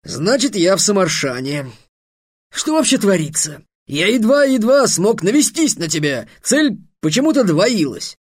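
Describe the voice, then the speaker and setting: A man voicing a weary, exasperated wizard who talks loudly and slowly. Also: sits high, very animated, slightly rough, no echo, studio quality, voice pushed up, heavily acted. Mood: groaning. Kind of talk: audiobook character voice.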